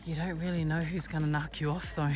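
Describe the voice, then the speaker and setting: Soft music plays behind a young woman vlogging her hike on a handheld phone as she walks. Her voice sits low with a darkish tone and little pitch movement, and she talks fairly quickly, chatty yet breathless, sighing on the climb and chesty from a cold.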